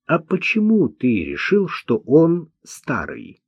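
A man's voice: a little high, wildly swooping pitch, takes it slowly, breathy edge, dry recording, voice pushed up, heavily acted. Man reading a patient, firm questioner. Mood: calm. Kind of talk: audiobook character voice. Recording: dull dry lo-fi recording.

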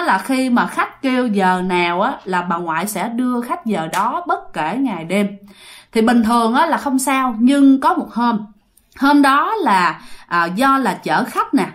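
Animated Southern Vietnamese woman storyteller. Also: on the high side. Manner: animated, talks straight to listeners. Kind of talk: ghost story narration.

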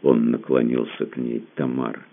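Очень низкий скрипучий мужской голос. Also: male voice, extremely low pitch, moderate pace, gravelly. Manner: dramatic, expressive. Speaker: audiobook narrator. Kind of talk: literary audiobook reading. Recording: narrow phone-like band.

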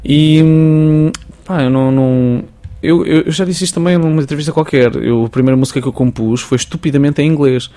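Fast-talking Portuguese musician, animated. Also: male voice, a little high. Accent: European Portuguese. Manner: chatty, animated, repeats "estás a perceber". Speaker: musician guest. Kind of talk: casual radio interview.

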